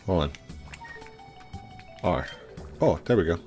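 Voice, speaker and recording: A man's voice: deep voice, animated, takes it slowly, a little mellow, soft background music. A middle-aged man giving casual let's-play commentary and reading game text aloud into a headset. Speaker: game streamer.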